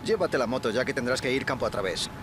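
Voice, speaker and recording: An actor playing a curt male underworld contact who gives hurried orders in a video game. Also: medium pitch, expressive, a crowd in the background, close to an everyday voice. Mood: urgent. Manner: brusque, hurried commands. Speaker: game character giving mission orders.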